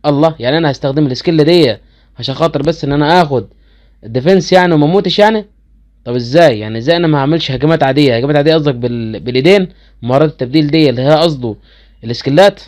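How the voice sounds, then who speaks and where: This gaming channel host is a man with a fairly high, somewhat mellow voice and an Egyptian Arabic accent. He chats casually with viewers while explaining game skills, and he's easily incredulous.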